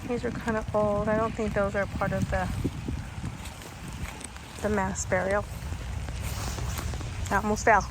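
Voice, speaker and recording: Woman vlogging outdoors over clear background noise. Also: medium pitch, little pitch movement, a little slow, long pauses. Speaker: paranormal vlog host. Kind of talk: casual unscripted walking narration. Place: outdoors in a cemetery, cold and rainy. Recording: noisy outdoor recording with vehicle noise.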